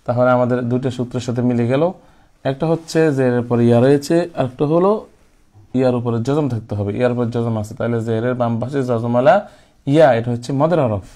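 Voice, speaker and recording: A man teaching Quran reading. He explains the pronunciation rules and then chants each word slowly for the listener to repeat. He often asks a question and answers it himself. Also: mid-range voice, dark tone. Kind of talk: recitation lesson.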